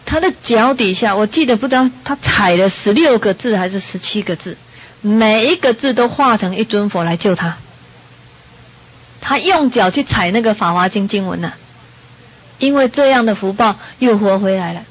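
A woman preaches a Buddhist sermon, telling a story to her listeners and voicing the people in it as she goes. Her voice is husky and a little breathy, at a middling pitch. The recording sounds dull and lo-fi. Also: normal speed. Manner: lively storyteller, acts out the characters' quoted lines. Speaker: Buddhist dharma teacher. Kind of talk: storytelling sermon to a live audience.

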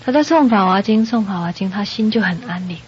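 A woman giving a Buddhist sermon to an audience, telling a story in a lively way and acting out the characters' lines. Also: medium pitch, quick pace, a little hiss or hum. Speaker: Buddhist dharma teacher. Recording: dull lo-fi recording.

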